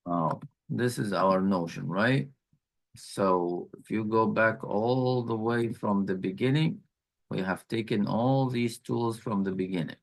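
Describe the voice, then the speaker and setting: A man teaching an online class, slowly walking students through challenges and repeating key points. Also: on the low side, creaky. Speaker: instructor.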